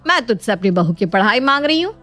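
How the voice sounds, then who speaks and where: A woman's voice: fairly high pitch, sing-song, fast, fairly bright tone, soft background music. A woman voicing a stern, caring older mother-in-law in a cartoon story, commanding and scolding. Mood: coaxing.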